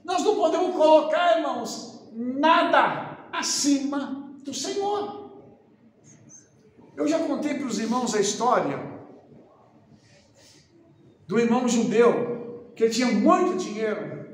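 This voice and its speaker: A man's voice: very high-pitched, animated, a little slow, pauses often. A man preaching a sermon to his congregation, telling a story with acted-out quotes. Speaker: pastor. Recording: echoey hall, faint noise.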